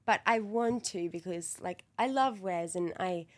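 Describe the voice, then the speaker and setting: A woman's voice: fairly low pitch, a little slow. A young Australian woman in her early twenties talks as a podcast guest. She is chatty and candid, giggling easily as she speaks. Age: 20s. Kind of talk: casual interview chat.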